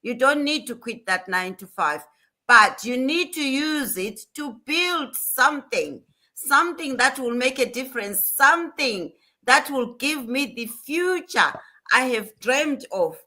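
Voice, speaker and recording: A woman's voice: high-pitched, lively intonation, unhurried, pushed and bright. A woman hosting a motivational livestream, talking in an earnest, emphatic way and repeating her points. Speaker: livestream host.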